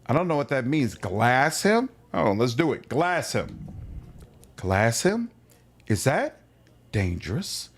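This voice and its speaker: A man's voice: mid-range voice, very animated, slow, long pauses. A man streaming a role-playing game, reading its dialogue aloud and reacting wryly. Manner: wry, reacting and reading on-screen text aloud.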